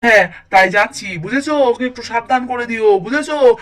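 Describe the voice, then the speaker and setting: A man's voice: extremely high pitch, normal speed, a bit bright, far from the mic. A man voicing a blustering, hot-headed husband. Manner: blustering, warning. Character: quick-tempered young husband.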